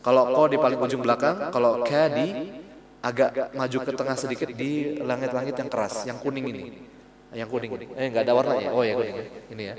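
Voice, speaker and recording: A man teaching recitation in a relaxed, chatty way, stopping often to repeat single syllables and chant words slowly. His voice sits at an ordinary middle pitch and rings around a large mosque hall. A roomful of listeners can be heard behind him. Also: crowd noise. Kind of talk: relaxed classroom lesson.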